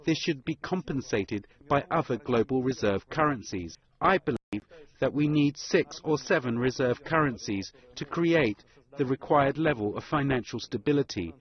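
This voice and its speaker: Male interpreter, translation voice-over, formal and even. Muffled, lo-fi broadcast sound. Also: mid-range voice, normal speed. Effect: translation voice-over for a foreign speaker. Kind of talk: simultaneous interpretation. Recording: dull lo-fi broadcast clip.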